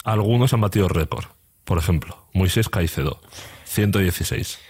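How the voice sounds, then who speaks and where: A man's voice: sits low, lively intonation, a little mellow, husky. A man co-hosting a casual football podcast, rattling off transfer figures. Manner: fact-heavy, quick with transfer figures. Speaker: podcast co-host.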